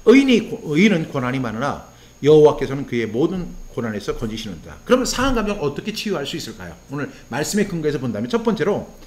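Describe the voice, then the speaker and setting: A male pastor preaching with a high, lively voice that leaps up and down. He asks his listeners questions, answers them himself, and acts out the prayers and complaints he quotes. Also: quick pace. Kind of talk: sermon.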